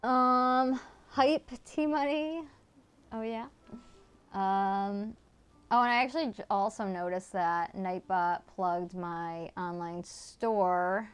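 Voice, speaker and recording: A woman with a Connecticut accent chats casually with viewers while streaming a game, reading and answering chat with many fillers. Her mid-range voice is smooth and she takes her time.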